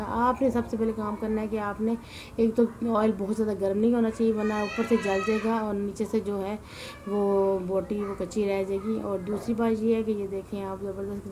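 A woman narrates her home cooking in an easy, chatty way, scattering devotional exclamations through her talk. She sounds tired and weary from fasting. The voice-over carries a clearly audible noise floor. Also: mid-range voice. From Punjab, Pakistan. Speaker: cooking channel host. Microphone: voice-over mic, not in the pictured kitchen.

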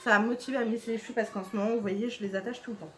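A woman's voice: fairly high pitch, fairly even intonation, rapid-fire, slight background noise. A young woman chatting casually at home as a vlogger, full of fillers and asides. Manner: chatty, many fillers, drops to a hushed murmur in the evening. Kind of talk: casual chat.

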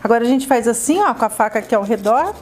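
A woman with a Brazilian Portuguese accent walks through a recipe in a bright, high voice. She talks like a cooking host, effusive and exclamatory, and keeps calling her viewers her loves. A faint hum sits behind her in the kitchen. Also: animated, fast talker. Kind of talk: chatty cooking demonstration.

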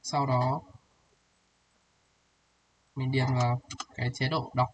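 A man's voice: mid-range voice, flat delivery, takes it slowly, poor audio. A man tutoring a student through programming exercises, thinking aloud as he types and often checking whether the student follows. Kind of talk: casual one-on-one coding tutorial. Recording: music playing behind.

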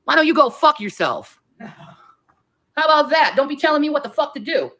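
High, animated woman ranting angrily. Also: normal speed. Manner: heated, profane, confrontational. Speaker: livestreamer in a played clip. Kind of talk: angry livestream rant.

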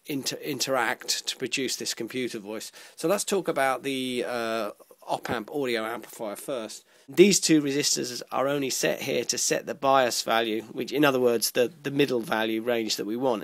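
In a dry recording, a mid-range male voice leads a relaxed electronics tutorial. He explains each step haltingly, often pausing in the middle of a sentence.

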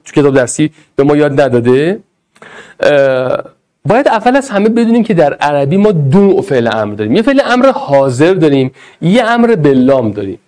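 A man teaching Arabic grammar in an energetic, playful way, speaking straight to his students. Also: fairly high pitch. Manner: animated, playful, addresses students directly. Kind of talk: energetic online lesson.

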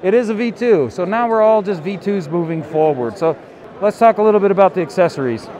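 A man's voice: sits high, lively intonation, a little fast, crowd noise. A man casually demonstrating a product at a convention booth, loose and enthusiastic with lots of fillers. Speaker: company representative.

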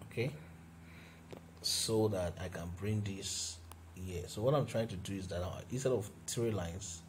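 A man with a deep, low voice narrates a screen-recorded design lesson at an unhurried pace. He talks through each step as he goes, with fillers and restarts. Background noise runs clearly under his voice. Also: poor audio. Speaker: design tutor. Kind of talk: screen-recorded software tutorial.

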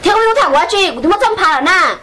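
A woman acting in an amateur drama, talking in a rapid, chattering way. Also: very high-pitched, expressive, pushed and bright, slight background noise, exaggerated voice.

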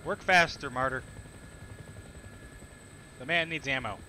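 A man's voice: medium pitch, measured pace, bright, forceful tone, a little hiss or hum, rough recording. A man chatting over game voice comms, teasing his squadmates and retelling a story with jokes. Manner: joking, teasing. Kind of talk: casual gaming chat over voice comms.

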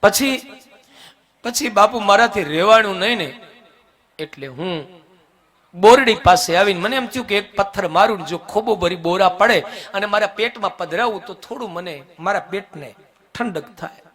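A man voicing a poor elderly widow who speaks softly and imploringly, sobbing as she pleads. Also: high-pitched, animated, moderate pace. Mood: pleading, tearful.

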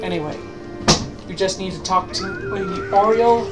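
A woman's voice: medium pitch, huge pitch swings, moderate pace. A woman giving casual gameplay commentary as the host of a gaming video. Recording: loud game music behind voice. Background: game music.

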